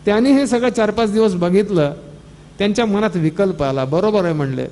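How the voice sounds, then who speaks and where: High-voiced Marathi man telling a parable. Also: a little fast, big-room sound. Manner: animated storyteller, voices characters' lines in quoted dialogue. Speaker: scripture discourse speaker. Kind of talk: devotional discourse with storytelling.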